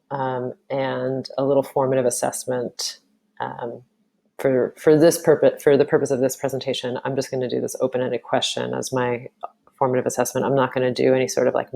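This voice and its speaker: Very low, slow, gravelly-voiced woman teacher. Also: mellow. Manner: casual, thinking aloud with many ums. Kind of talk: screen-recorded software tutorial.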